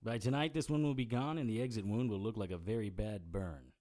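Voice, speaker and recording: An actor playing a wry, deadpan supernatural private eye who narrates his own audio drama in a hardboiled style. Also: fairly low pitch, brisk, natural voice. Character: dry-witted male private investigator narrator. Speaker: narrator and lead character.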